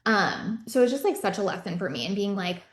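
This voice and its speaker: A woman talking through a casual personal update to her online community. Her voice sits in a middle pitch, and she talks in a chatty, rambling way with plenty of swearing. The sound carries a noticeable room echo. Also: sing-song, brisk. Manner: chatty, filler-heavy, swearing, reading chat replies. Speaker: business coach and host. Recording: echoey room.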